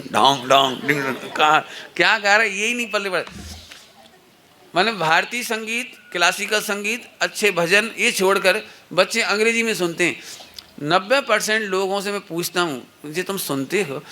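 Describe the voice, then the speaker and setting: A man's voice: sits high, sharp tone, a little hiss or hum. A middle-aged man giving a satsang talk to children and parents, telling anecdotes and playfully acting out the people in them. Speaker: religious teacher.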